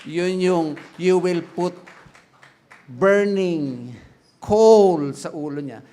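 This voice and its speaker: A middle-aged pastor from the Philippines preaching a sermon in a chatty way, laughing often, quizzing the congregation and slipping into English. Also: male voice, high-pitched, very slow, dark tone.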